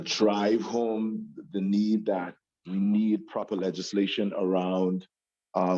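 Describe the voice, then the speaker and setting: A man giving formal thank-you remarks over a video call, measured, with many pauses. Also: fairly low pitch, mellow, muffled recording. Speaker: speaker giving opening remarks.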